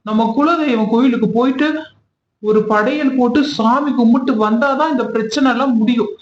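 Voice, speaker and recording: A man's voice: very high-pitched, moderate pace, a little hiss or hum. An affectionate, coaxing husband who dotes on his wife yet keeps pressing his point, played by a man. The recording is dull and muffled, with a hollow room echo. A homemade domestic skit. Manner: fond, coaxing, calls her pet names. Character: doting husband, affectionate, pushy about family.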